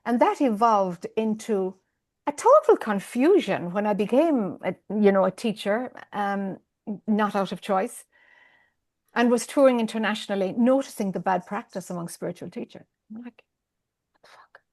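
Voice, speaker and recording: Her medium-pitched voice is darkish in tone, with lively intonation at a normal speed: she's an Irish spiritual teacher in her fifties being interviewed on a video call. She rambles somewhat, speaks candidly, and laughs often.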